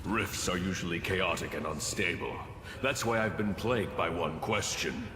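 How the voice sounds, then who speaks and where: Man acting earnest grave crusader, fantasy game, low voice, formal oratory, strong echo. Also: moderate pace, natural voice. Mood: brooding, solemn. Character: grave, devout male crusader, brooding and earnest. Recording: echoey hall with noisy ambience.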